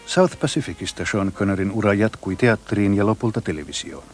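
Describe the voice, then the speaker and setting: A man narrating a documentary in an even, informative scripted read. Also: fairly low pitch, fast. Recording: voice-over with faint music.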